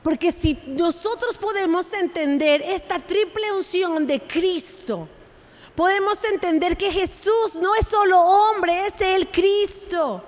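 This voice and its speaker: A woman preaches a lively, playful sermon. Her voice is bright and high, and she acts out the scenes she describes. A long reverb trails her words around the church hall. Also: slow. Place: church sanctuary.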